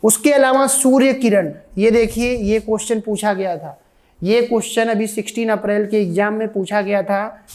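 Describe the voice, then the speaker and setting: An Indian woman teaches an online coaching class at an ordinary middle pitch. She repeats each point and answers her own questions, as in a recorded classroom lecture. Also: moderate pace, darkish tone. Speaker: defence exam coaching teacher.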